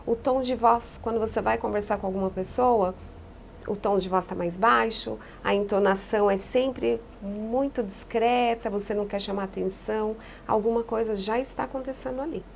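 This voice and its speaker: A woman psychologist giving calm, explanatory answers in a podcast interview, often echoing key phrases. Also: on the high side, moderate pace, gravelly, a little hiss or hum.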